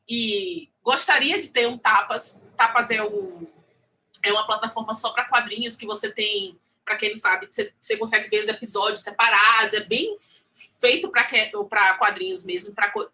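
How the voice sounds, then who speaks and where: A woman's voice: on the high side, sharp tone. A woman with a Brazilian Portuguese accent, a comics artist chatting casually on a panel in a rambling, self-mocking way.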